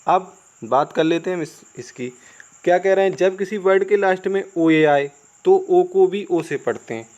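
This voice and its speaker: A chatty Indian man with a somewhat high voice, walking viewers through English spelling rules in relaxed Hindi. He spells each word out letter by letter and keeps checking in with "clear?". Faint insect chirping runs behind his voice-over. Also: normal speed. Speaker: English teacher. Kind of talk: casual Hindi classroom explanation.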